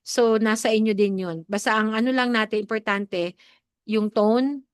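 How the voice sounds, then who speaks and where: A lively Filipino woman mentor runs an online training over a video call, switching easily between Filipino and English. She keeps checking in with her listeners and talks expressively. Her voice sits fairly high, and the sound is dry and close. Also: normal speed, clean tone, dry recording. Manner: chatty, Taglish, coaching tone with frequent "okay?" and "no?"; animated, expressive.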